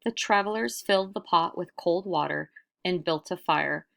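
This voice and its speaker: A woman reading a children's story aloud in expressive, scripted narration. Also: on the low side, normal speed, creaky, a little hiss or hum.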